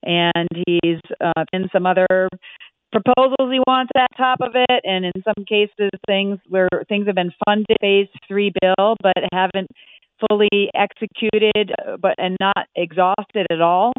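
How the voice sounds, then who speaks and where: A woman calls in to a radio talk show as a guest, earnest and urging, her sentences halting with frequent fillers. Her cell phone line is tinny and keeps breaking up. Underneath, her voice itself is smooth and clear. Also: medium pitch, no echo. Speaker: senator calling in as radio guest. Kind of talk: political call-in interview.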